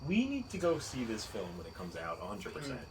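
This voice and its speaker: Animated podcast co-host, expressive man. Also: mid-range voice, brisk, a loud crowd, poor audio. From United States. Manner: animated, incredulous, laughs often. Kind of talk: casual chat.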